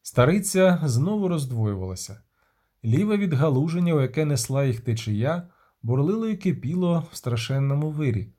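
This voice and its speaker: A man narrating an audiobook with vivid, even-paced storytelling. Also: medium pitch.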